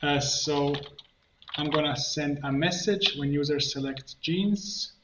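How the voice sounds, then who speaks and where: A man working as a tutorial instructor and coach narrates a step-by-step software tutorial, thinking aloud haltingly as he goes. His voice is fairly high, and the muffled, roomy recording carries faint noise plus the typing and clicking of a computer keyboard.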